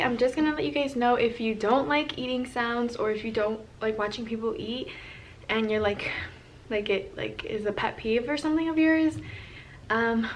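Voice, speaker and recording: A woman's voice: fairly high pitch, distant mic, slight background noise. A woman chatting casually in an eating vlog, loose and full of ums and likes. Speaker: vlogger.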